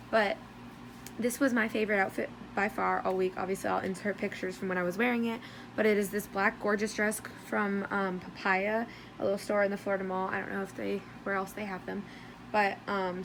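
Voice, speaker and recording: A young American woman chatting casually in a vlog with bubbly sorority-girl energy, her voice hoarse as if she is losing it. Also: mid-range voice, noisy background. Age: young adult. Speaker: vlogger.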